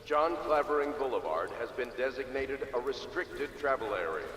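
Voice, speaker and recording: Official city announcer, video game, stern, formal, mid-pitched, loudspeaker, long echo, noisy ambience. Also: male voice, expressive, moderate pace. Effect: public loudspeaker. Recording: echoing loudspeaker over noisy street ambience.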